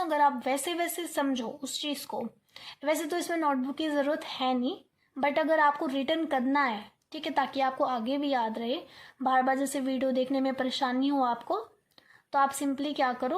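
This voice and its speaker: A young woman teaching an online lesson, coaxing her students, repeating words aloud to drill the sounds and checking in often. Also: high-pitched. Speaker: English teacher.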